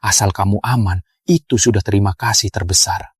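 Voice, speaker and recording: A man's voice: on the low side, fairly even intonation, a little fast, breathy edge, no room sound, clean studio sound. A man voicing a devoted young husband, tender and reassuring in a dubbed drama. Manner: tender, reassuring, gently teasing.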